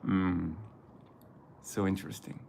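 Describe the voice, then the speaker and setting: A Japanese man with a Japanese accent, chatting casually on a livestream and reading chat, often halting and correcting himself. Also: sits low, level tone, creaky, a little mellow, slight background noise. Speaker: vlogger reading live chat.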